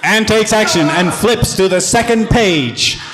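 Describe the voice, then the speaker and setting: A man's voice: high-pitched, unhurried. A young man narrating an improvised stage play, reading the stage directions aloud. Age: young adult. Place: large stage hall. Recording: hall reverb with music behind.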